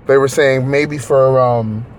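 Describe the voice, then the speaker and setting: A man co-hosting a podcast in casual chat, animated and profane, rambling with frequent laughs. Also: mid-range voice, takes it slowly, slight background noise. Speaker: podcast co-host.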